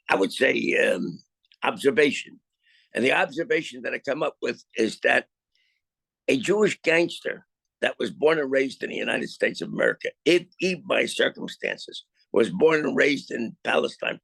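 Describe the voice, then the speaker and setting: Gravelly older man, halting and emphatic. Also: mid-range voice, fairly bright tone, no echo. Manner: halting, many restarts and repeated words. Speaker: film subject interviewed about his life. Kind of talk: unscripted storytelling in a video interview. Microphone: video call.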